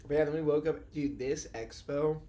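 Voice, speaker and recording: A man's voice: fairly high pitch, fairly even intonation, normal speed, mellow. A young man hosting a podcast, chatting casually and rambling with lots of restarts and fillers like "dude" and "like". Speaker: podcast host. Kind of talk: casual chat.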